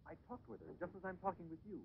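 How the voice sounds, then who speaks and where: A man's voice: high-pitched, rapid-fire, vocal fry, slight background noise. An actor playing an earnest young man searching for the woman he loves, apologetic and sincere, in an old English film dub. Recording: thin, phone-like old film soundtrack.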